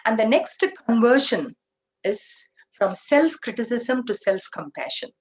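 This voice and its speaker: A woman with an Indian English accent giving a spiritual talk, explaining slowly with everyday examples and asking the audience questions. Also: fairly high pitch, lively intonation, muffled recording. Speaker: spiritual teacher.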